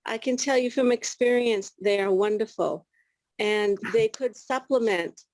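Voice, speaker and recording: A woman's voice: on the high side, a little slow, darkish tone, no room sound, rough recording. A woman giving a public comment at a board meeting, friendly and tentative.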